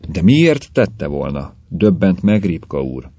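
Low-voiced man reading a story. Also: no room sound, muffled recording. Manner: measured, steady storytelling. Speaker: narrator. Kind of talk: audiobook reading of a short story.

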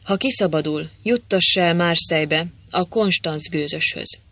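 A cheeky, grinning man in a tight spot, played by a male audiobook narrator. He stays calm and speaks in an unbothered, teasing way. Nothing ruffles him. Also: fairly high pitch, no room sound. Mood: cool.

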